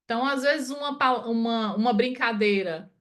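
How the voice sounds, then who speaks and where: A woman's voice: on the high side, normal speed. A Cearense woman from Brazil, a consultant, giving a chatty webinar talk over a video call and tagging many phrases with "né?". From Ceará, Brazil. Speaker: project management consultant and webinar speaker.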